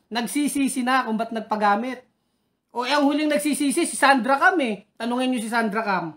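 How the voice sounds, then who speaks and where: A woman giving combative political commentary, taunting critics and challenging them directly. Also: a little high. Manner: taunting, heckles critics and reads their names.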